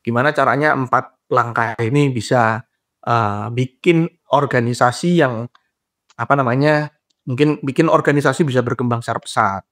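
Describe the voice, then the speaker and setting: A young adult man, a guest in a casual interview, explaining points lively and acting out dialogues with short laughs. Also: medium pitch, moderate pace. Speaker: guest, graduate psychology student and trainer.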